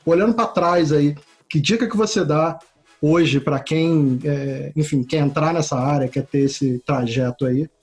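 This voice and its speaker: A man's voice: on the high side, measured pace, a little mellow, faint music behind. A man hosting an interview, speaking in a friendly, informal way. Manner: friendly, informal, says "cara". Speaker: interview host.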